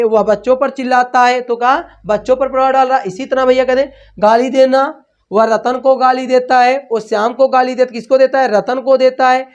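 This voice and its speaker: A man teaching a grammar lesson, repeating key terms as questions and correcting himself as he writes on a board. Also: extremely high pitch. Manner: repeats key terms as questions, slow and drawn out when dictating; self-corrects mid-sentence. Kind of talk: online classroom lesson.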